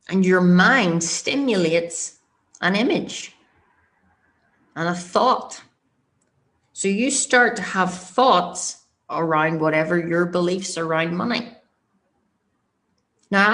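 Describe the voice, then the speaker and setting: Casting: female motivational speaker, Northern Irish accent, lowish voice, direct and emphatic teaching delivery. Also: a bit bright. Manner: emphatic, direct, checks in with listeners. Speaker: motivational coach.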